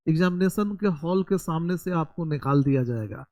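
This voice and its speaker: A man's voice: fairly high pitch, lively intonation, normal speed, darkish tone. A man teaching a spoken English grammar lesson. He explains step by step, asks his students questions and answers them himself, and spells words out letter by letter. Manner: calls the listener "brother".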